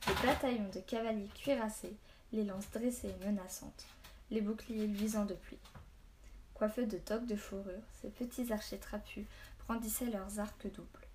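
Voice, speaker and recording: A woman narrates a novel aloud in a quiet, measured way. Her voice sits at a middling pitch and stays steady and even. A faint hiss runs under the recording. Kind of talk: audiobook narration.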